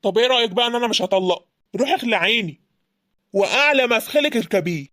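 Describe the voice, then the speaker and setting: A woman voicing a proud, rude husband with an Egyptian accent in an animated drama. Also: a little high, fast, slight background noise. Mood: defiant. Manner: mocking and defiant.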